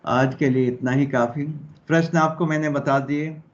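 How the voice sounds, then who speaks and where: A man's voice: fairly high pitch, steady tone, moderate pace. A male Hindi teacher explaining a story in a lesson, checking in with his students as he goes. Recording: dull lo-fi audio.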